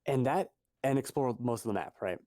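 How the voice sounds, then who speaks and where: A man's voice: medium pitch, a little fast, mellow, no echo, studio quality. A man co-hosting a podcast in casual chat, rambling and correcting himself as he goes. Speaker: podcast co-host.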